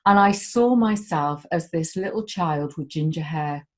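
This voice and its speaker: A woman's voice: low voice, a little slow. A woman speaking as a guest in a candid conversation, heartfelt and emotional, swearing casually as she talks.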